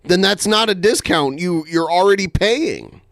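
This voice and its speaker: A man's voice: sits high, animated, unhurried, gravelly, fairly bright tone, no echo, clean studio sound. A man co-hosting a show, commenting casually on clips in a blunt, sweary way. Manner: profane, blunt. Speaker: show co-host.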